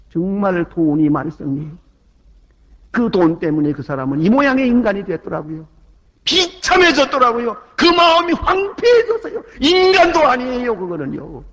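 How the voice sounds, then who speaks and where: A Korean man preaching a sermon with great passion, moving from loud cries to quiet asides and acting out the people in his stories, on a dull old sermon recording. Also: sits high. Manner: impassioned, swings from loud exclamations to hushed asides; acts out quoted voices in the story. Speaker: pastor. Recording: dull lo-fi 1998 sermon tape.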